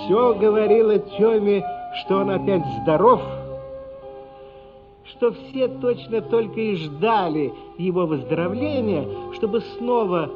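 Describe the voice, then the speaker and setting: A male radio-drama narrator with a fairly high voice delivers his lines unhurriedly in a dramatic, literary style, with expressive, deliberate phrasing. The lo-fi radio play sounds dull, with music running underneath.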